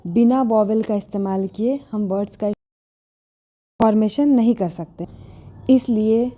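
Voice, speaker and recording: Slow, dark-voiced woman teaching English. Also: medium pitch. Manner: reads English definitions slowly and carefully, repeats example words. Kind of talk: explanatory language lesson.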